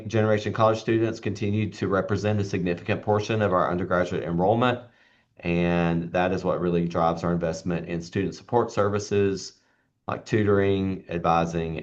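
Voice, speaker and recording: Male university official, very low voice, formal and slightly halting hearing presentation. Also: dull audio. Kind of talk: formal prepared remarks with hesitations.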